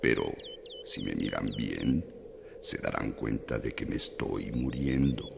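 A man playing an ancient, dying talking pine tree in a children's audio drama, ponderous and gravelly. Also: lively intonation, measured pace, noisy background, exaggerated voice. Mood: slow, weary. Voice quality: deep, gravelly.

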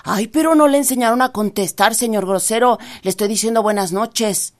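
A woman with a Mexican accent voicing a cheeky, greedy male rabbit who shouts indignantly. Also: on the high side, a little fast, voice pushed up, close to an everyday voice. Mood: cheeky polite.

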